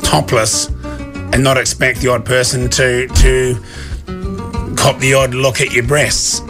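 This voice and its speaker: A man with a New Zealand accent doing rambling, deadpan comic banter as a casual radio host. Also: mid-range voice, slow, over music.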